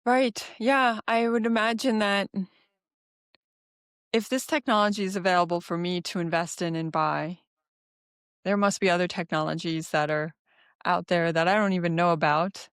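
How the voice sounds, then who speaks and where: A woman health coach speaking as a podcast guest in a measured, thoughtful way, with some restarts. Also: lowish voice, fairly even intonation, clean tone, no echo, studio quality. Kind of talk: casual interview conversation.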